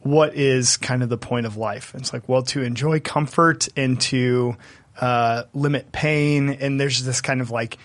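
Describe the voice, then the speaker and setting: A man's voice: medium pitch, steady tone, a little slow, a bit bright, dry recording. A man co-hosting a podcast who asks questions and keeps chiming in with short agreements. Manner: affirming, frequent short agreements. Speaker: podcast co-host, interviewer. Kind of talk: casual podcast discussion.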